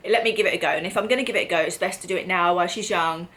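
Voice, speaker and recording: English mother with a lowish voice, chatting. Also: very fast, a bit bright. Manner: chatty, explaining, checks in with tag questions. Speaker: mother hosting a family vlog. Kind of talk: casual chat.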